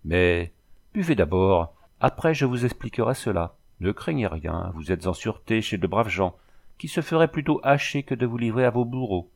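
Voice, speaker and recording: A man voicing a gentle but bossy young woman nursing a patient, in an audiobook reading. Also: fairly low pitch, big pitch swings, moderate pace. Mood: coaxing, bossy. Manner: softly commanding, coaxing.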